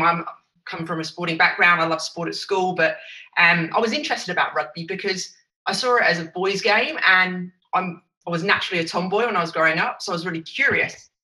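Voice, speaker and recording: A woman with an Essex accent speaks in a very bright, sharp voice, upbeat and emphatic as she chats in an interview. She sounds roomy and set back from the microphone. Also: lowish voice. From Essex, England. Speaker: podcast guest, chief executive. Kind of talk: enthusiastic interview conversation. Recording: roomy echo, distant from microphone.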